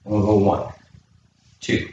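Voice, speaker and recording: Slow-talking coach counting reps. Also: male voice, dark tone, muffled recording. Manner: encouraging, counts reps aloud, asks kids questions. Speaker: youth fitness coach. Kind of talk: home workout class for kids. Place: indoor room with a chair. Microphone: camera microphone from a distance. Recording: very echoey room, distant mic, faint noise.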